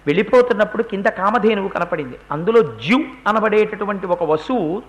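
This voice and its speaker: A man giving a religious discourse who retells an epic story in an animated way and acts out the characters' speech. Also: high-pitched, a little fast, highs cut off.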